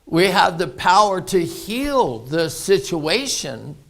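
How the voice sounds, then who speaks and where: Slow gravelly-voiced man preaching. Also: sits high, very animated, fairly bright tone. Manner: folksy, anecdotal, laughs often. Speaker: pastor. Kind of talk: sermon.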